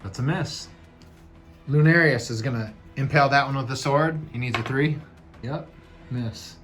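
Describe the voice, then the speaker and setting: A man's voice: medium pitch, normal speed, a bit bright, slightly rough, soft background music. Man narrating a solo tabletop game. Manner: thinks aloud, unsure of the rules; counts moves and dice aloud. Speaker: game master.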